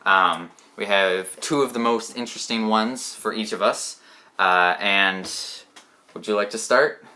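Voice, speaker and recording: A man's voice: lowish voice, measured pace, bright, forceful tone. A man co-hosting a casual chat show, joking and rambling as he teases his co-host.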